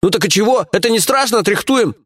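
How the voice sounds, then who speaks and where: A man's voice: high-pitched, animated, fast, a bit bright, pitched above the performer's own voice. A man doing a squealing, cowardly henchman. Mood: wheedling. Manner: wheedling, squealing, stammering. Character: cowardly male henchman, fawning and whining. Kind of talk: audiobook character voice.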